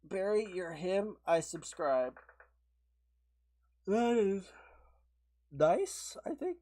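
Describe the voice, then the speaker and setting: Speaking extremely slowly in a high, warm, animated voice, a slightly sick and sniffly man chats on his game livestream. He rambles and laughs as he answers viewers' messages.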